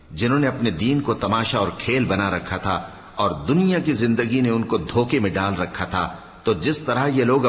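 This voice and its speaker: A man reading a scripture translation aloud in a measured, solemn way, dropping low at the end of each verse. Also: fairly bright tone. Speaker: scripture reader. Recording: reverberant, dull lo-fi hall recording.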